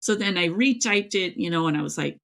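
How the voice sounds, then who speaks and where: Gravelly, animated, and brisk, a woman's voice on the low side carries this casual, chatty interview. She's a middle-aged author from East Tennessee, United States, speaking emphatically as a guest and telling things in a rambling way.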